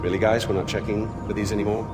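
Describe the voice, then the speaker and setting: An actor playing a middle-aged, flamboyant dictator in a video game, urbane, charming and mocking, with an edge of menace. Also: male voice, lowish voice, flat delivery, fast, music in the background, lightly acted. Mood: mocking, menacing. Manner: urbane, mocking, drawling emphasis, swearing. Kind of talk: theatrical video game villain acting.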